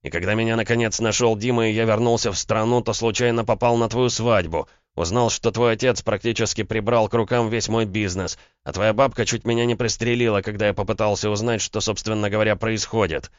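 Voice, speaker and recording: A man's voice: medium pitch, fairly even intonation, fairly quick, clean tone, no room sound, muffled recording, pitched above the performer's own voice, natural voice. A man voicing a bitter young man who barks and speaks with venom. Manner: barking, venomous. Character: young man, bitter, menacing, quick to explode.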